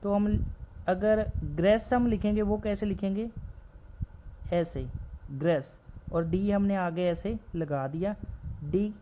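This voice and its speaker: Slow, patient male shorthand teacher. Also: high voice, mellow. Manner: slow and patient, repeats each word several times. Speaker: stenography teacher. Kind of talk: shorthand lesson, explaining while writing. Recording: slightly dull lo-fi recording with faint background noise.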